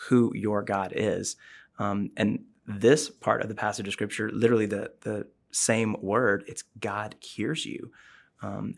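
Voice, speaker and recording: A man with a low, gravelly voice talks through scripture in a relaxed, conversational way. He is earnest and explanatory, and he often fills his sentences with "um" and "like". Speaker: podcast host discussing the Bible. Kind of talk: casual Bible discussion.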